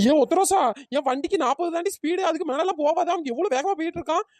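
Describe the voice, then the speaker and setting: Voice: extremely high pitch, quick pace, darkish tone, no room sound, pitched above the performer's own voice. A performer voicing a grumbling woman friend in a cartoon, whiny and sarcastic. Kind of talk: cartoon comedy voice acting.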